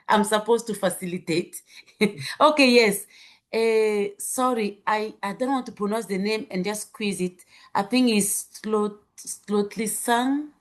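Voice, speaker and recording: A woman's voice: medium pitch, unhurried. A woman with a French accent facilitating an online webinar over a video call, chatty and laughing often.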